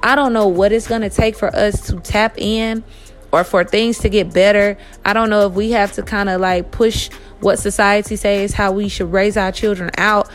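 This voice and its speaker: A woman's voice: medium pitch, steady tone, moderate pace, faint music behind. Chatty thirties woman podcast host. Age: 30s. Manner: chatty, talks straight to listeners with "y'all". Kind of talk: casual monologue.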